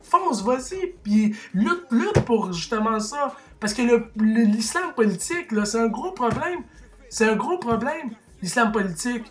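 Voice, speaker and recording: A man's voice: very high voice, lively intonation, unhurried, a bit bright. Emphatic Québécois man ranting. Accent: Québécois French. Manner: emphatic, rhetorical, ranting, with frequent restarts and filler. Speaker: vlogger. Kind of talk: impassioned opinion monologue.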